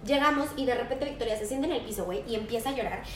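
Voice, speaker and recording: A woman with a Mexican accent co-hosting a casual chat, telling lively stories and acting out children's voices. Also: a little high, very fast. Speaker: podcast co-host. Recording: echoey room with faint noise.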